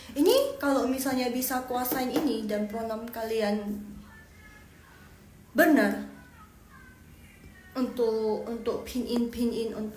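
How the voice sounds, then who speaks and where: A fairly high-voiced woman teaches a live online Mandarin lesson, drilling syllables and tones over and over. She talks in a chatty way and often corrects herself mid-sentence. The recording sits in an echoey room with a faint hum of background noise. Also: a little mellow.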